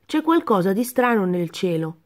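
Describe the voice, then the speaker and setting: A woman voicing a gentle, curious female giraffe in a children's storybook reading, in a soft, concerned tone. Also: mid-range voice, big pitch swings, moderate pace, lightly acted.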